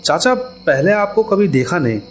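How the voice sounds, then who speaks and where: A man voicing a hurried, irritable young office worker who talks in quick, agitated bursts. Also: sits high, animated, faint music behind, pitched above the performer's own voice. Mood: brisk.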